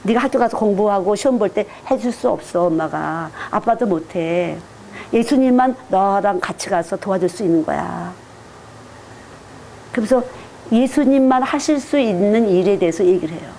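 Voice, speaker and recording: A woman's voice: medium pitch, lively intonation, moderate pace, mellow, slight background noise. A woman who is a children's missionary, giving a teacher-training lecture in an earnest, direct, conversational preaching manner.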